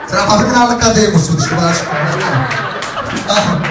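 A man with a Neapolitan accent hosting as a theatrical bingo caller, boisterous and teasing, often shouting, on a microphone in a hall. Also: high voice, normal speed, recorded from a distance. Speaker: bingo caller and host of a live Neapolitan tombola show. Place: echoey library hall with seated audience. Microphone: handheld PA microphone, filmed from the audience. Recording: echoey amateur recording, music and crowd noise. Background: music and loud crowd.

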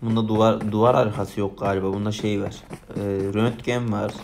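A man's voice: lowish voice, flat delivery, brisk, gravelly, a little mellow, slight background noise. A man giving casual commentary over mobile game footage, exasperated and ranting as he watches a cheater. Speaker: gaming YouTuber.

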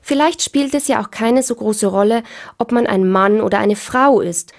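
A woman playing a polite, measured host of a radio discussion. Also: on the high side, natural voice.

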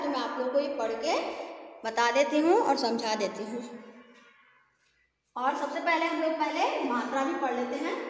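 A woman teacher giving a recorded lesson to young children, patiently explaining and slowly drawing out each syllable, mixing English words into her Hindi. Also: high-pitched. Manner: slow, drawn-out syllable-by-syllable reading. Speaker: primary school teacher. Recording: echoey room with long reverb.

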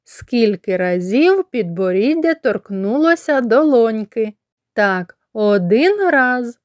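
Woman kindergarten teacher, slightly high voice, crisp close dry recording, patient lesson for small kids. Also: darkish tone, no room sound. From Ukraine. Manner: clear, deliberate articulation of sounds and syllables. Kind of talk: slow didactic lesson for children.

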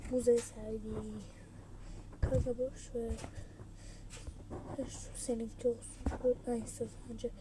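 A young woman with a high voice plays a game with a friend and acts out little scenes. She teases and bickers, loud one moment and whispering the next. Heavy noise runs under the whole recording. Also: flat delivery, takes it slowly, long pauses. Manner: bickering, teasing, switching between loud shouts and hushed whispers. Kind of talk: playful Toca Boca role-play with a friend.

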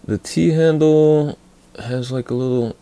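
A man casually reviews a set of hand tools hands-on, speaking hesitantly with lots of fillers and restarts. His voice is on the high side and dark in tone, with a measured pace.

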